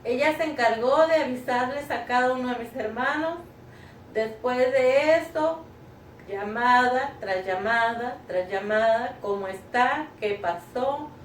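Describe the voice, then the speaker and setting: Middle-aged woman, high voice, slow unhurried delivery, roomy sound from a distance, faint background hum. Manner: tearful, earnest, addresses listeners as brothers and sisters. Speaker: church member giving testimony. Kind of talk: personal religious testimony. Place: living room at home.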